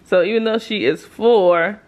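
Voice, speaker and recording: An American mom in her thirties vlogs casually around her home, moving through the rooms and kitchen with a handheld or nearby camera mic. Her medium-pitched voice is unhurried and a little mellow, and the recording sounds muffled.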